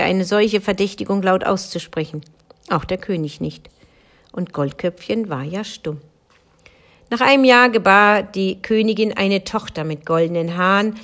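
A woman from Germany reading a fairy tale aloud as a bedtime story, in a calm, measured storytelling manner. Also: mid-range voice. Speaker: reader.

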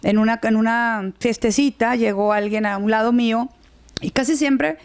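A talkative woman hosting a casual conversation, speaking loudly as if shouting. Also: on the high side, fairly even intonation, moderate pace, smooth.

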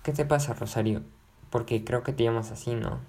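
A man reading aloud, voicing an agitated, lovesick gentleman who pleads and repeats himself. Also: mid-range voice, fairly even intonation, fairly quick, vocal fry, natural voice. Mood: coaxing. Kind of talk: audiobook narration.

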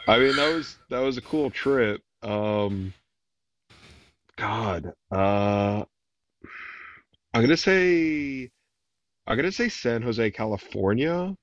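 A man co-hosting a casual soccer podcast, speaking slowly and hesitantly on a dull lo-fi mic. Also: mid-range voice, lively intonation. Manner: slow, hesitant, recalling old trips. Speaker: podcast co-host.

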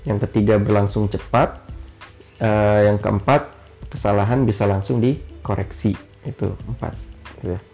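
A man's voice: fairly low pitch, steady tone, moderate pace, dark tone, highs cut off, faint music behind. A man giving a casual classroom-style lesson, chatty, with many fillers and self-corrections. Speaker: teacher.

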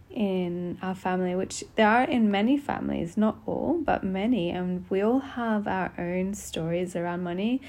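A woman podcast host speaks in a tender, gentle way, as if confiding in one listener. Her voice is soft and mellow, with plenty of creak, and she takes her time. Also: mid-range voice. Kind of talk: intimate solo podcast talk. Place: small closed bedroom at home. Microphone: podcast microphone.

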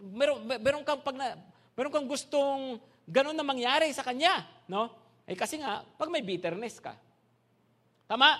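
A pastor with a Filipino accent and an extremely high-pitched voice preaches a bilingual sermon to his congregation. He is animated, asking many rhetorical questions to make sure listeners are following.

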